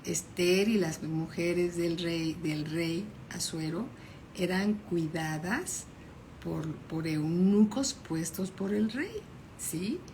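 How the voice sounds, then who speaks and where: A woman's voice: lowish voice, slow, a little mellow, slight background noise. A woman pastor giving a Bible study sermon, reading verses aloud and explaining them, often checking in with her listeners.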